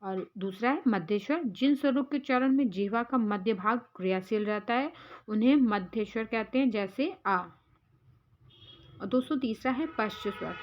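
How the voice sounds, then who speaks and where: A woman's voice: on the high side, muffled recording. A woman teaching as an exam prep tutor, going through quiz answers step by step and calling her viewers friends.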